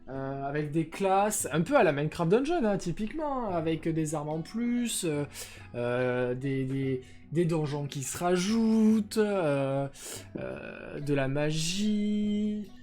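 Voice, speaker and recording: A man's voice: a little high, darkish tone. Young man rambling on a live stream. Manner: rambling, full of hesitations and crude slang. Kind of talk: casual live-stream chat. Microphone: desk microphone with noise filters.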